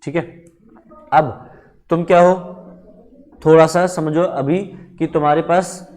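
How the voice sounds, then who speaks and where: A man's voice: on the high side, steady tone, takes it slowly, darkish tone. A male teacher giving a lecture, talking directly to his students and checking in often. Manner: conversational, addresses students directly with frequent check-ins.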